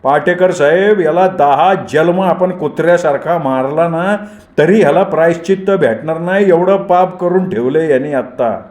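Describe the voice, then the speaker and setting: A man's voice: on the high side, moderate pace, voice pushed up, lightly acted. Man doing a furious young village man. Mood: enraged. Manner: furious, shouting threats. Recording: roomy echoey recording.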